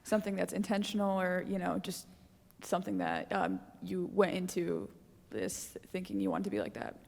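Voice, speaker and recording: A woman's voice: on the low side, normal speed, gravelly, a little mellow. A woman sports reporter asking questions at a press conference in hesitant, conversational phrasing. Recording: echoey press room with long reverb.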